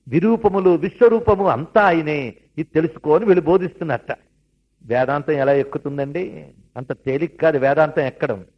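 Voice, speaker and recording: A man giving a devotional discourse who retells scripture stories with animated asides to his listeners. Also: on the high side. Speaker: religious storyteller. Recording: dull lo-fi recording.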